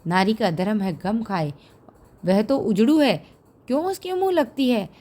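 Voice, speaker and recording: A woman's voice: on the high side, expressive, a little slow, warm tone. A woman reading the part of a preachy older village priest who reproves. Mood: reproving.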